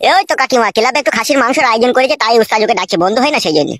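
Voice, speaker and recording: A woman's voice: on the high side, expressive, very fast. A woman playing an eager village errand boy. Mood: coaxing. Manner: eager, coaxing, rough slang. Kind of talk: comic village skit.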